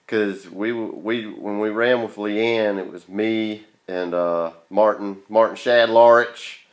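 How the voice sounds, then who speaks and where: A man's voice: fairly low pitch, steady tone, slow pace. A man with a Southern Georgia accent and a folksy country drawl, chatting casually as a podcast host. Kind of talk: casual chat.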